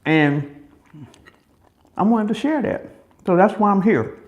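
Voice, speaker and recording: A man's voice: high-pitched, lively intonation, takes it slowly, highs cut off. An American man from Chicago chatting casually as an eating-show host, chewing between phrases, folksy and repeating himself for emphasis. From Chicago, United States. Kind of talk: casual mukbang chat.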